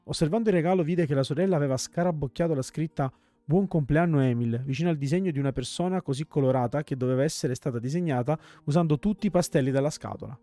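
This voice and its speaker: A man reading a game's story text aloud as a let's play host, calm storytelling with small slips and restarts. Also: a little high, racing, hardly any pauses, no echo.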